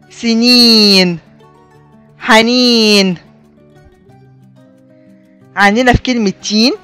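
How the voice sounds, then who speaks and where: A woman with an Egyptian Arabic accent teaching a children's reading lesson, repeating key points and slowly drawing out example words. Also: on the high side, dry recording. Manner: drawn-out sounding of example words; repeats and addresses learners as friends.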